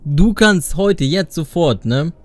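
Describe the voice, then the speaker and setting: A young adult man hosting a gaming video, talking casually and playfully in youth slang with an excitable manner. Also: on the high side, takes it slowly. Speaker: gaming video creator and host. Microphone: studio condenser microphone up close. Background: faint music.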